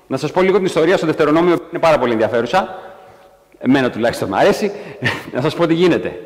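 Animated preacher man, ringing hall. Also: a little high. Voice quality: animated, acts out quotes in a raised voice. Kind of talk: sermon. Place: church hall.

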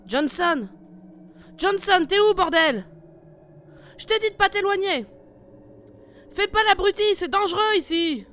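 A woman's voice: mid-range voice, unhurried, long pauses, fairly bright tone, a little hiss or hum, close to an everyday voice. A woman voicing a tough female squad leader in an amateur horror audio drama, giving curt, commanding orders. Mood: frantic. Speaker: team leader.

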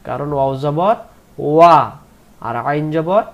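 A man teaching Quran pronunciation in a slow lesson, spelling out letters one by one and drawing out the recited words. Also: a little high. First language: Bengali.

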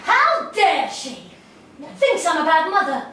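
An actress as a proud mother, prickly and quick to take offence. Her voice is very high, and it comes from a distance in an echoey room with some background noise. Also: wildly swooping pitch, fairly bright tone, heavily acted. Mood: indignant. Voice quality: prickly and defensive. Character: proud, defensive working-class mother.

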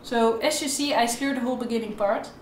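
A young adult woman teaches violin in an instructional video to camera, filmed inside a bare room. Her voice is fairly high and a little quick, picked up by a distant mic, and the sound is roomy and echoey.

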